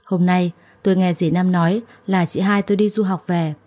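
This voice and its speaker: A young woman narrating a first-person story in a calm, reflective way. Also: lowish voice, moderate pace.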